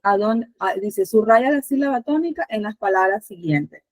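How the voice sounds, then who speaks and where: A woman's voice: mid-range voice, animated, normal speed, a little mellow, no echo, rough recording. A Spanish teacher with a Panamanian accent, a woman, patiently asking her students questions with many fillers.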